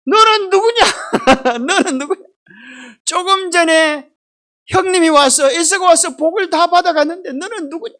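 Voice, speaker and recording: A woman's voice: fairly high pitch, very animated, measured pace, pauses often. A woman voicing a stern old father in a Bible story, drawing out scolding words. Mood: startled.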